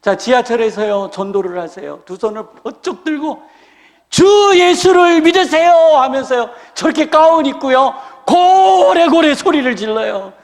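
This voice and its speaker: A man preaching a sermon as a pastor, lively and humorous, acting out the people he quotes. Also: extremely high pitch, normal speed, hardly any pauses. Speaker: senior pastor. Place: church sanctuary. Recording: reverberant church hall.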